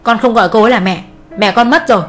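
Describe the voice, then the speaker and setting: A woman voicing a defiant teenage boy who shouts through tears at his father. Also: fairly high pitch, fast, faint music behind, close to an everyday voice. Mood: defiant tearful.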